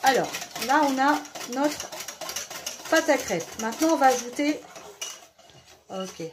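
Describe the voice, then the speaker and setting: Woman, fairly high pitch, chatty, joking, home kitchen, clinking dishes. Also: animated, slow pace, background noise. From southwest France. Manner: chatty, joking, talks while stirring. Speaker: home cooking video host. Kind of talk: chatty cooking demonstration.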